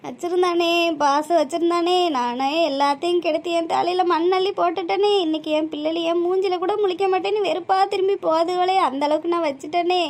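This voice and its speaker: Cartoon: a guilt-stricken old mother, lamenting and tearful, very high. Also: steady tone, a little fast, few pauses, a little mellow. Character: grieving old village mother, guilt-ridden.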